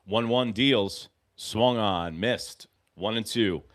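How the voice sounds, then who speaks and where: A man in his forties from New York hosting a live fan reaction stream, calling pitches and drifting into rambling, profane stories, swinging between muttering and shouting. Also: slow pace, background noise. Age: 40s. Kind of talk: live game-reaction commentary.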